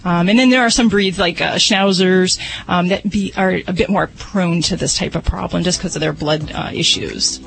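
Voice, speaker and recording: A woman's voice: fairly low pitch, moderate pace, vocal fry, hardly any pauses, a little hiss or hum, poor audio. A woman speaking as a radio veterinarian, explaining things in a casual, conversational way. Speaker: veterinarian radio host giving advice.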